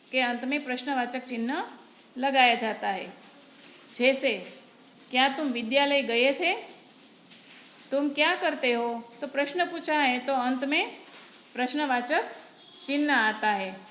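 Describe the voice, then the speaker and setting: A woman's voice: high-pitched, a little slow, fairly bright tone. A woman teacher from Gujarat explaining Hindi grammar patiently, step by step, in a lesson. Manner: patient, explains step by step, often says "barabar". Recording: echoey room with faint noise.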